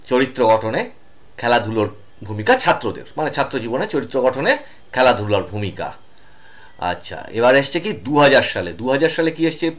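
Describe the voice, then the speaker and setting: A man teaching an online exam-prep lesson, reading out lists of essay topics year by year and stopping to explain, with fillers between items. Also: mid-range voice.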